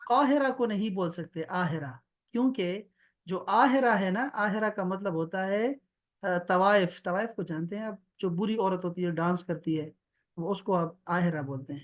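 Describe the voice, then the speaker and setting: Man teaching over a video call. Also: high voice. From Pakistan. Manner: explanatory, repeats words slowly for the student. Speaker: Arabic teacher. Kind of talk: online one-on-one language lesson.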